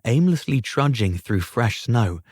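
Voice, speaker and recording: A man reading an audiobook aloud as narrator, in a measured storytelling manner. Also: medium pitch, very animated, darkish tone, slightly rough, dry recording, studio quality. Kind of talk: scripted narration.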